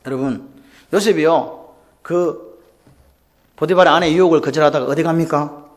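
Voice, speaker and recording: A man's voice: on the high side, moderate pace. A male pastor preaching a Sunday sermon, throwing rhetorical questions and calls for response to his congregation. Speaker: senior pastor.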